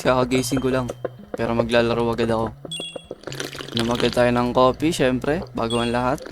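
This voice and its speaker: A man from the Philippines giving playful, joking let's-play commentary, chatting with his viewers as he plays. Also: medium pitch. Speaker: gaming video creator.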